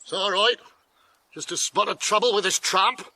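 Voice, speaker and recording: An actor playing a gruff, officious village police sergeant, stern and grudging, in a period radio drama. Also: male voice, high voice, normal speed, sharp tone, a little hiss or hum.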